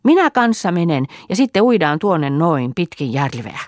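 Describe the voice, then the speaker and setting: An eager little peasant girl, pleading in a high, bright voice, as a woman reader puts her on. The recording is dry and close. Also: huge pitch swings, dry recording.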